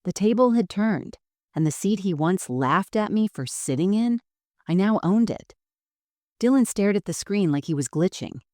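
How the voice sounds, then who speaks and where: A woman narrating a first-person story in a calm, measured, composed way. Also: mid-range voice, no echo, clean studio sound.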